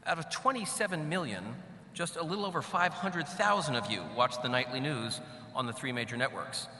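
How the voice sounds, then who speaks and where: A man's voice: fairly high pitch, brisk, sharp tone. A middle-aged man giving a graduation speech at a podium microphone, with a wry, joking manner and a big hall echo around his voice. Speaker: commencement speaker. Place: large hall. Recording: echoey large hall, faint hum.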